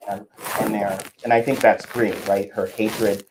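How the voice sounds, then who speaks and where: A man, his voice pitched on the low side, talks in a casual podcast chat. He argues earnestly and often restarts his sentences. A faint background noise sits under the recording. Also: little pitch movement, unhurried. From American South. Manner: earnest, argumentative, frequent restarts. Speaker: co-host.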